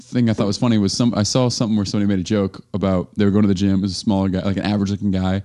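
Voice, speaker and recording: A man with a fairly low voice talks quickly on a comedy podcast. He jokes about himself a lot in easy back-and-forth banter. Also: flat delivery, mellow. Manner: self-deprecating, joking. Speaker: podcast co-host. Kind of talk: casual comedic chat.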